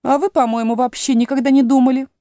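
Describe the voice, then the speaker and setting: A woman's voice: high voice, level tone, quick pace, dark tone, no echo, clean studio sound, pitched above the performer's own voice. A woman voicing a blunt, condescending talking rose in a storybook reading, snippy in manner. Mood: snide.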